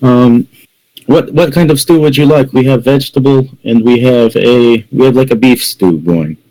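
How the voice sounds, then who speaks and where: A man's voice: medium pitch, moderate pace, warm tone, lightly acted, low-quality recording. Guy doing a grudging tavern server, stumbles over his words, tabletop game. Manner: begrudging, fumbling with filler words.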